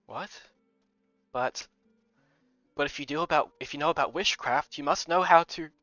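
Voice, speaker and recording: A man's voice: a little high, moderate pace, bright, forceful tone, dry recording, soft background music. Siffrin, a man doing a stammering anxious hero. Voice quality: hesitant, stammering. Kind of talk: game readthrough voicing. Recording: dull lo-fi recording.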